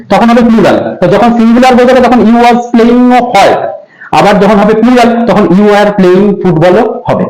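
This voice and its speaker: Patient schoolteacher with a Bengali accent, high pitch, echoey room sound, repeats rules and checks understanding. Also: female voice, darkish tone. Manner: patient, repeats key terms, asks checking questions. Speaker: teacher. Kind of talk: grammar lesson for school students.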